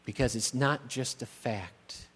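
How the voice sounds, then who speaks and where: A middle-aged man, a pastor, preaching a sermon in a church, slow and emphatic, building on repeated rhetorical questions. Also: mid-range voice, fairly bright tone, breathy edge. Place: church sanctuary. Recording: long church-hall reverb.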